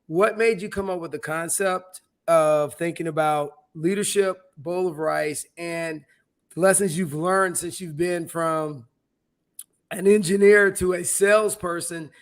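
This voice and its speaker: A man's voice: on the high side, steady tone, a little slow. A man hosting an interview, effusive with praise and tripping over repeated words as he sets up a question. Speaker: interview host. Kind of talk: conversational interview.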